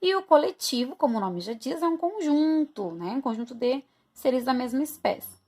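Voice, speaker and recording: Brazilian lady teacher going over a review, voice a little high, keeps checking in w her class. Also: lively intonation, normal speed, darkish tone. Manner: explains step by step, often checks in with "né?" and "tá?". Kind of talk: recorded class review lesson.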